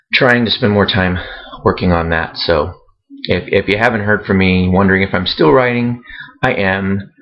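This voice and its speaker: A man talking casually to his readers in a vlog, halting and rambling with many fillers and restarts. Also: sits low, highs cut off. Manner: self-conscious about speaking on camera. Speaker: author vlogging to readers.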